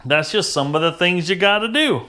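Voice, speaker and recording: A man's voice: sits high, expressive, moderate pace, sharp tone. A man talking casually while working on a motorcycle, explaining each step in a plainspoken, wry and slightly exasperated way. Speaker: home mechanic. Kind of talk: casual how-to commentary. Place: backyard garage workspace.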